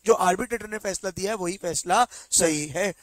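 A male teacher giving an online exam-prep lecture, mixing Hindi with slow English read-outs and quizzing students with quick check questions. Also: high voice, dry recording.

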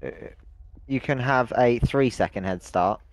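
A man's voice: medium pitch, unhurried, no room sound. A British man playing a police negotiator in a game role-play, bargaining in a matter-of-fact, conversational way.

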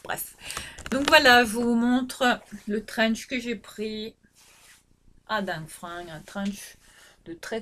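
A woman's voice: mid-range voice, a bit bright. Rambling woman showing off a clothing haul. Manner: rambling, lots of fillers and restarts. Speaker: fashion vlogger. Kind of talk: casual haul vlog.

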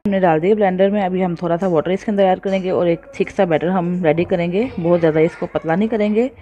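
This home cooking host narrates her recipe step by step, friendly and patient, frequently turning to her viewers and using some English words. She talks fast in a lowish, warm, steady voice, though the audio sounds dull.

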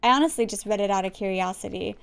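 A woman's voice: mid-range voice, fast talker, vocal fry, clean tone. A woman gaming YouTuber doing let's-play commentary, chatty, rambling and self-deprecating.

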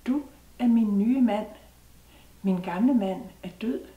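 A woman's voice: mid-range voice, phone-quality sound, natural voice. A woman voicing a young widow who insists a passing stranger is her new husband, recorded from a distance in a roomy space. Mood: insistent. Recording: roomy sound from a distant mic.

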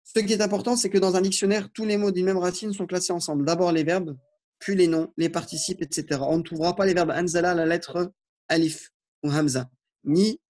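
Guy teaching arabic online, reads phrases slow then explains in french, voice a bit high. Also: a little mellow. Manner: informal, reassuring explanations. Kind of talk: online language lesson.

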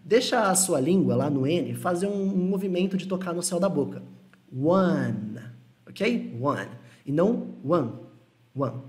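Young male teacher, casual and encouraging, slow repeats of example words. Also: sits high, animated, a little mellow. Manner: friendly, reassuring, repeats words slowly to model pronunciation. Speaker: English teacher. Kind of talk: casual online lesson.

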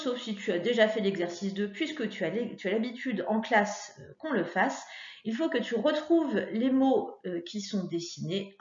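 A woman teacher talking young pupils through a phonics worksheet in a patient, encouraging way, with frequent fillers. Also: a little high. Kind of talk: recorded lesson for young pupils. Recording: echoey room, dull lo-fi sound.

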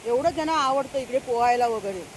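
Older woman, high voice, chatty vlog, outdoors on farm. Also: fast talker, noisy background. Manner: chatty, keeps addressing viewers, laughs often. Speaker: farm vlogger. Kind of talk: casual vlog chat. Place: outdoors on a rural farm path.

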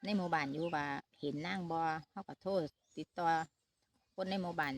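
A woman's voice: deep voice, steady tone, normal speed, vocal fry, no echo. A middle-aged woman with an Isan Thai accent, chatting casually to her viewers in a family vlog update, filming on a phone outdoors at a shaded farm. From Northeast Thailand. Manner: chatty, talks straight to viewers with many fillers. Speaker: vlogger mother. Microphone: handheld phone camera.

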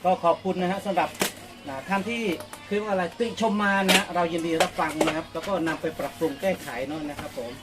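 A man's voice: sits high, fast talker, loud music behind the voice. A man, chatting casually while packing orders in front of a coffee shop, tacking polite particles onto every phrase. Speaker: vlogger packing orders for fans. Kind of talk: casual live vlog narration.

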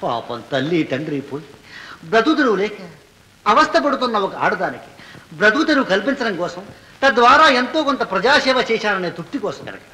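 A man's voice: high voice, very animated, a little fast, pushed and bright, heavily acted. A man playing a pompous, self-righteous politician testifying in court in an old film. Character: pompous self-important male politician witness. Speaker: witness in court. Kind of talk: 1970s Telugu film acting. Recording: echoey old film soundtrack.

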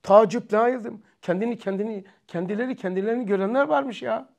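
A man's voice: sits high, fairly quick, creaky. Man musing through a religious lesson. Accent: Turkish. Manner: musing, asks himself questions aloud. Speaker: religious study teacher.

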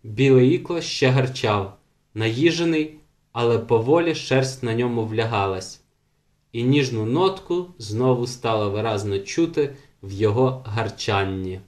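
A man narrating a novel as an audiobook in a measured, steady reading manner. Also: mid-range voice. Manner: measured, slows for chapter titles.

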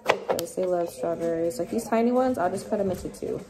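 A woman's voice: lowish voice, a little fast, noisy background. A woman in her late twenties talking casually and bluntly to her phone camera while she cooks in her kitchen, swearing freely. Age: late 20s. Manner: blunt, profane, chatty. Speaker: vlogger. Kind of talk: casual vlog chat. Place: small apartment kitchen, indoors.

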